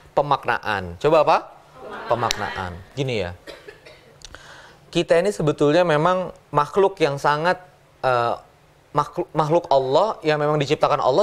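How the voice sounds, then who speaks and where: Middle-aged guy giving a business seminar, kinda high voice, playful, acts stuff out. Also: slight background noise. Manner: playful, acts out little scenes with jumps in pitch, laughs often. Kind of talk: animated motivational seminar talk.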